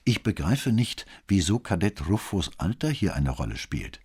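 Man doing a calm wry police commissioner. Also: low-pitched, normal speed, slightly rough, voice pushed up, exaggerated voice. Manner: calm, ironic and courteous.

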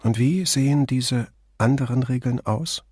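A man's voice: medium pitch, measured pace, a little mellow, dry recording, studio quality, close to an everyday voice. A man voicing a frightened, dramatic female stage star who speaks in agitated, theatrical outbursts. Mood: uneasy.

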